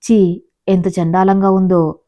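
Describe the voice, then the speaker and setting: A woman's voice: medium pitch, little pitch movement, slow pace, mellow, highs cut off, natural voice. Woman voicing a scheming spiteful woman.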